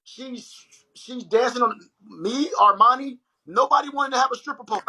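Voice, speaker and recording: A young man hosts a casual livestream chat in a very high-pitched, husky voice at normal speed. He tells stories animatedly and speaks straight to his viewers, calling them y'all. The recording quality is low.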